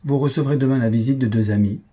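A man's voice: mid-range voice, quick pace, warm tone, pitched above the performer's own voice, lightly acted. A man voicing an arrogant, sneering young gallant in an audiobook reading. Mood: cold.

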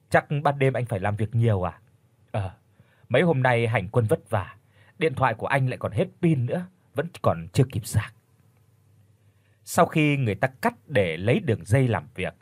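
A man reads a family story aloud in a husky voice, shifting his pitch as he moves between the characters' lines. His delivery is animated and rises and falls a lot. The recording is dry and close. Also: no room sound. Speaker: audiobook narrator. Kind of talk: storytelling narration with voiced dialogue.

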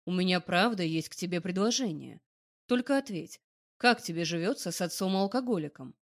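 A woman voicing a calm, self-assured young male boss who speaks in a low, level way in an audiobook. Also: fairly quick. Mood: calm persuasive. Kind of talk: audiobook character voice.

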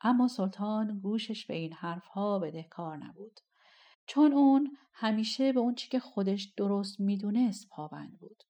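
Female audiobook narrator, colloquial and expressive, mid pitch. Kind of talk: storytelling narration.

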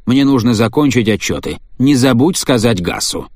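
A man's voice: mid-range voice, expressive, normal speed, darkish tone, no echo, clean studio sound. A man reading the part of a cold, impatient scientist husband in an audiobook, speaking curtly and with contempt. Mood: irritated. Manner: curt, impatient, sneering.

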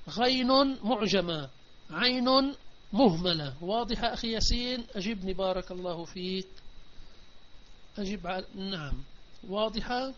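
A man with a fairly high voice gives a methodical online recitation lesson, pausing often to ask his students whether they have followed. The sound is dull and lo-fi, with a faint hiss behind it, as over a voice chat. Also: fairly bright tone. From Palestine. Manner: explains step by step and keeps asking if students understood. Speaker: Islamic teacher. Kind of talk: online tajweed and Quran commentary lesson.

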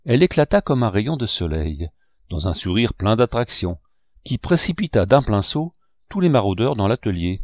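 A man reading a classic novel aloud in a measured storytelling manner. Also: fairly low pitch, sing-song, darkish tone, no room sound, clean studio sound. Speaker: audiobook reader. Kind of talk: scripted narration.

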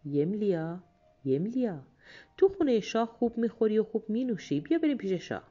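A woman's voice: medium pitch, sing-song, mellow, highs cut off, soft background music. A woman voicing a king's general who coaxes and wheedles, in a storybook reading. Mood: coaxing. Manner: wheedling, persuasive. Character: coaxing royal general, grown man.

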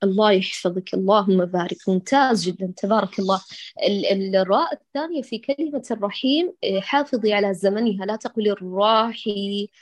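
A woman's voice: medium pitch, quick pace, no room sound. A woman teaching Quran recitation who patiently corrects her students, models each sound and praises them with many blessings. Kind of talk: online recitation correction lesson.

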